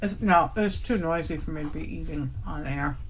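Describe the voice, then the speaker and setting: A woman's voice: deep voice, a little fast. A woman hosting a live craft stream, chatting casually and joking as she shows her steps. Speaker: craft show host. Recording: faint background noise.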